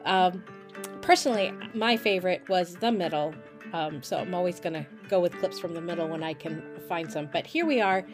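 A woman's voice: fairly low pitch, normal speed, over music. A woman instructor giving a casual, chatty recorded lecture to her course, with frequent fillers. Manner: chatty, many fillers and restarts. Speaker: college instructor.

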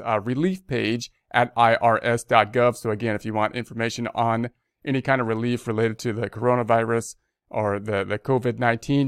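A man's voice: mid-range voice, smooth, no echo, studio quality. A man reading a news release aloud and explaining it in plain words, with fillers and restarts. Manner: reads text, then adds plain explanations with fillers and restarts. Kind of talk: reading aloud with casual commentary.

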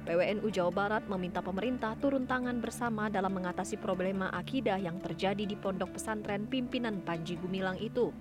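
A woman's voice: mid-range voice, fast talker, hardly any pauses. Woman news presenter, formal scripted delivery, music bed behind. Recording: studio voice-over with music behind.

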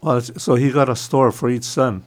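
A man's voice: medium pitch, steady tone, fairly quick. A man hosting a radio talk show, chatty and affirming, and he adds his own quips. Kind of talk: casual chat.

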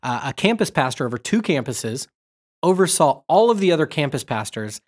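A man's voice: a little high, sing-song, brisk. A young adult man co-hosting a podcast in casual, upbeat, joking chat. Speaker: podcast co-host.

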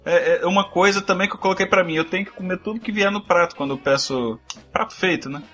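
Brazilian man, brazilian portuguese accent, casual joking chat, high bright voice. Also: quick pace, soft background music. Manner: joking, chatty.

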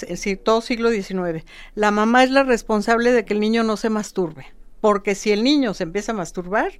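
A woman, a guest expert explaining history in lively, casual conversation, often tagging lines with a questioning "no". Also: mid-range voice, smooth. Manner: lively storytelling with repeated "¿no?" tags.

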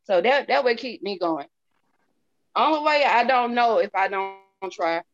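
Her voice on the high side with lively intonation, a woman with a Southern accent speaks at a measured pace as an interview guest selling a product. She's from the southern United States and chats in a casual, candid, folksy testimonial, repeating phrases for emphasis. The recording sounds dull and lo-fi.

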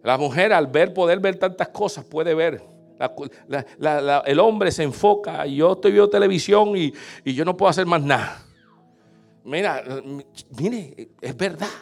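A man pastor preaching a sermon, telling a homey story and building up to fervent shouting. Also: on the high side, normal speed, creaky, soft background music. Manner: animated storytelling, rising to shouts.

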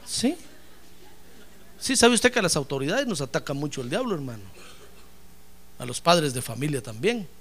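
A man preaching a fervent sermon as pastor, calling out to his listeners as brothers and breaking into loud praise. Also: a little high, sing-song, normal speed, long pauses. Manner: bursts into loud praise shouts.

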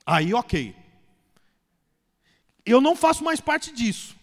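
Brazilian pastor, very high male voice, conversational preaching with jokes, long church reverb. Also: sing-song, slow pace. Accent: Brazilian Portuguese. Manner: conversational, joking storyteller who rises to emphatic preaching. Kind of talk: sermon.

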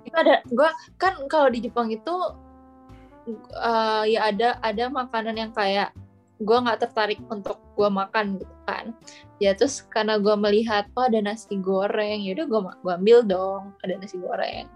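A woman's voice: medium pitch, fairly even intonation, moderate pace, soft background music. A young woman chatting casually as a guest, telling a story with hesitant restarts.

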